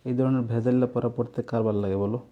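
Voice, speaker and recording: A man's voice: mid-range voice, steady tone, racing, phone-quality sound. A young man teaching an online coaching class, explaining step by step and asking his students questions, with casual asides.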